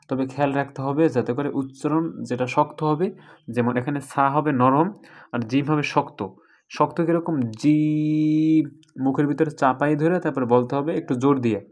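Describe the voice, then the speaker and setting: A man teaching a recorded lesson on reading the Quran, explaining patiently and drawing out each letter sound slowly as an example. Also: a little high.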